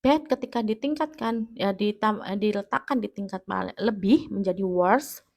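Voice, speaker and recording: A woman's voice: mid-range voice, moderate pace, creaky, a little mellow. A woman with an Indonesian accent teaching an English grammar lesson, explaining patiently and often correcting herself mid-word. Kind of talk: classroom grammar lesson for students at home.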